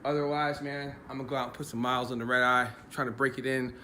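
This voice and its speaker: A man's voice: mid-range voice, level tone, quick pace, bright, forceful tone. A man with a Philadelphia accent hosting a car channel, talking in a laid-back, chatty way and swearing casually. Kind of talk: casual vlog talk. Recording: noisy outdoor ambience. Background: outdoor noise.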